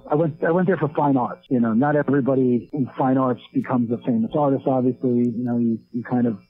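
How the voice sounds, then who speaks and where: Over a tinny phone connection, a leatherwork artist in his late thirties talks fast and loosely as an interview guest, stopping and restarting often and leaning on fillers. His pitch sits in the middle and his tone stays even.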